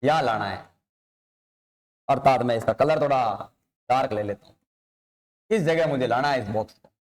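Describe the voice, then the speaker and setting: A man's voice: medium pitch, moderate pace. A male science teacher giving an informal coaching-class lecture, repeatedly asking questions and answering them himself. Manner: informal, addresses figures with tu.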